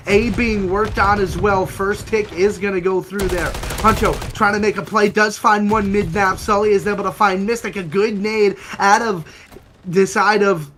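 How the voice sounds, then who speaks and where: Young man, high-pitched voice, excited esports play-by-play, faint hiss behind. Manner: fast, excited play-by-play with sudden outbursts. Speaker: esports caster. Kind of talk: play-by-play commentary.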